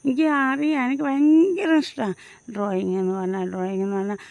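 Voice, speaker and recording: Her voice is a little high, creaky and darkish this time, delivered flatly at a fairly quick clip, with no echo in the recording. The fifty-something woman from Mahe, Puducherry, who vlogs and tutors at home, keeps up a rambling phone vlog during an early-morning walk outside, restarting and filling gaps constantly in her Mahe Malayalam accent.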